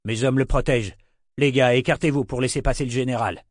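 A hard-bitten army officer answers in short, gruff lines, as a man voices him in an audiobook. His voice sits somewhat above the narrator's. The recording is close and dry. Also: mid-range voice, fairly even intonation, a little fast, dry recording, natural voice.

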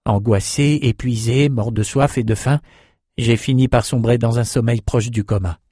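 A man's voice: medium pitch, steady tone, normal speed, warm tone, breathy edge, no room sound, studio quality, close to an everyday voice. A man reading the part of a young male islander who tells, half mocking himself, how he was lost at sea. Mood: earnest. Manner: earnest, self-mocking storytelling. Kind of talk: audiobook character reading.

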